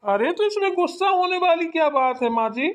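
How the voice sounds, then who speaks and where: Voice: very high voice, expressive, a little fast. A performer voicing a grown son in a Hindi cartoon, who reasons with his mother in an earnest, persuasive way. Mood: pleading.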